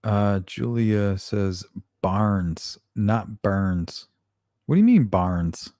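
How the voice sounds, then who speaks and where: A man's voice: lowish voice, lively intonation, drawn-out words, mellow, no echo, studio quality. A man hosting a casual late-night stream, teasing and joking with his viewers and cursing freely. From Arizona. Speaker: live stream host.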